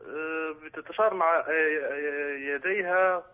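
A man's voice: a little high, fairly even intonation, takes it slowly. A young man calling in from Belgium, hesitant and full of fillers, asking for advice about his engagement. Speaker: caller. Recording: tinny phone line.

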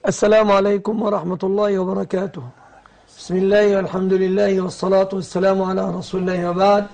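Quick, high, gravelly man teaching. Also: level tone, darkish tone. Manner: brisk, leads questioning of guest and callers. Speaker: host and religious teacher. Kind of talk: religious lesson broadcast.

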